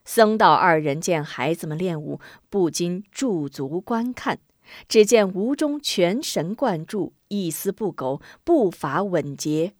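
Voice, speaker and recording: A woman storyteller reading a martial-arts tale in an expressive way. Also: lowish voice, no echo, clean studio sound. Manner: expressive, acts out characters.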